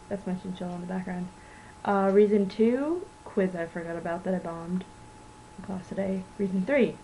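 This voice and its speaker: A woman's voice: mid-range voice, dark tone, poor audio. Young woman vlogger, casual sarcastic rant, self-mocking, laptop-mic sound, faint hiss behind. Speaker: student vlogger. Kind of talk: casual vlog monologue.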